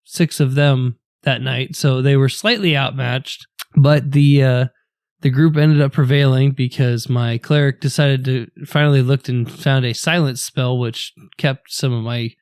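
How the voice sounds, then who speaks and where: A man's voice: mid-range voice, steady tone, unhurried, darkish tone, clear, resonant tone, no room sound, clean studio sound. A man co-hosting a podcast, chatting casually in a laid-back, rambling way with filler words. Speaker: podcast co-host.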